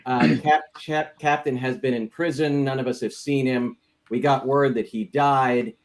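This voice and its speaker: Casting: male tabletop player, average pitch, loose jokey conversational delivery. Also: steady tone, normal speed. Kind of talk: casual joking chat.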